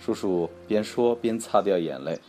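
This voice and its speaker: A woman's voice: very deep voice, animated, normal speed, warm tone. A woman reading a children's story aloud at home, patient and coaxing, prompting with questions. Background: faint music.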